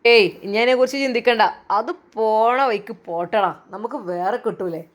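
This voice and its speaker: A woman voicing a man who consoles a grieving friend in a low, brusque way. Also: a little fast, close to an everyday voice. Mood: consoling.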